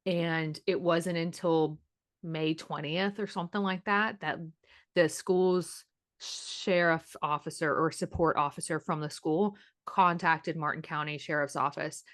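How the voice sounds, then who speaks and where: A woman in her late twenties from Florida co-hosts a true-crime podcast, speaking in a deep yet fairly bright voice. The studio-quality recording has no room sound, and she chats casually with lots of fillers and restarts.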